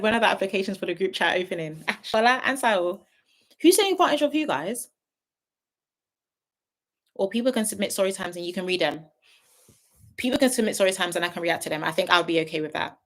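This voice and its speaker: A woman in her late twenties chatting casually on a livestream, reading viewer comments and giving frank, big-sister style advice. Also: on the low side. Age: 20s. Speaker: YouTube host on a livestream.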